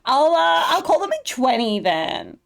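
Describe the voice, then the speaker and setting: A woman's voice: on the high side, sing-song, normal speed. A woman voicing a bubbly young Valley Girl assistant, ditzy and gushing with lots of "like". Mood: eager. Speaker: player character Asha.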